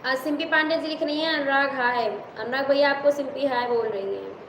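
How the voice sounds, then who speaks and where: A woman's voice: sits high, fairly quick, a bit bright, slight background noise. A woman with an Awadhi accent, a folk singer hosting a live stream, reading out viewer comments and greeting viewers by name. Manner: reads out viewer comments and greets them by name between songs. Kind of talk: live stream chat with singing. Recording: echoey room with music behind.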